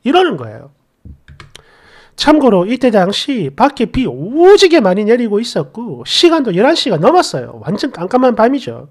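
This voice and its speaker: Animated woman telling a personal story. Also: on the high side, normal speed, hardly any pauses. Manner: exasperated, conversational, colloquial. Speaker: story narrator. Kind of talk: casual storytelling.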